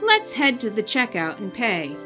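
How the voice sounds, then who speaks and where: A woman voicing a kind, patient mother pig with a gentle, instructive manner in a children's picture book. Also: a little high, huge pitch swings, unhurried, soft background music, heavily acted. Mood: encouraging.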